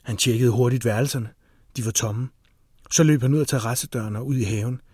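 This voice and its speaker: A man reading a thriller audiobook as narrator, in steady, tense scripted narration. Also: mid-range voice, husky, dry recording, studio quality.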